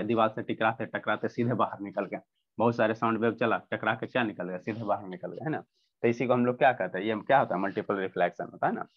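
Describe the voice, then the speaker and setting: A man teaching a science lesson over a video call. He asks questions and answers them himself, repeating each point several times. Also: mid-range voice. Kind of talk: online class lecture. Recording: dull lo-fi online class audio.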